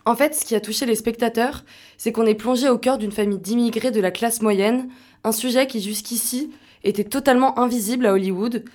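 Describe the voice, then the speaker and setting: A young woman reading a scripted culture and sport segment in a lively, conversational way. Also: on the high side, brisk. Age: young adult.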